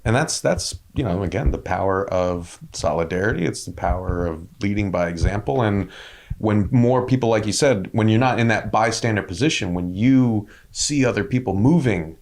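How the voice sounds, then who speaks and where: A man with a somewhat low voice hosts a casual interview. He gets excited, laughs, lets a swear word slip, and explains things at length to listeners. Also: normal speed. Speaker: interviewer, host.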